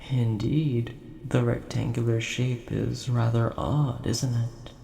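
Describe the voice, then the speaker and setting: A man plays a large, age-old dragon, a gentle, formal scholar and coin collector, speaking directly to the listener in a scripted audio roleplay. Slow, mid-range and creaky, he rambles like a storyteller in a dark, relaxed tone, sounding fond and wistful. A roomy echo and faint background noise fill the recording.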